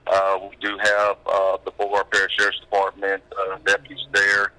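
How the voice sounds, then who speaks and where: A man, an emergency management director, calls in by phone during a live news broadcast and gives a plain-spoken, halting official update. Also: low-pitched, monotone, sharp tone, clean tone. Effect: heard over a phone line.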